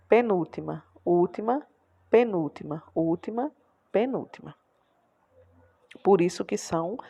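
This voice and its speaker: A woman's voice: fairly low pitch, darkish tone. A Brazilian woman teacher explaining a lesson patiently, repeating words aloud and checking in with tag questions. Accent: Brazilian Portuguese. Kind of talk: classroom lesson walkthrough.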